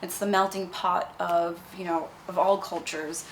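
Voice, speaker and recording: A woman's voice: lowish voice, little pitch movement, measured pace, a little hiss or hum, low-quality recording. A young woman from Nepal, a cosmetics founder, answering interview questions in a bubbly, chatty way. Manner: bubbly, chatty, fond of fillers like "you know".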